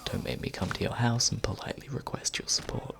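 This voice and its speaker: A British man giving a hushed, close-up commentary right in the listener's ear, with dry, self-deprecating humour, like a video game YouTuber. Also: mid-range voice, expressive, fast, gravelly, in a whisper. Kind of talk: hushed close-up commentary over gameplay, ASMR-like.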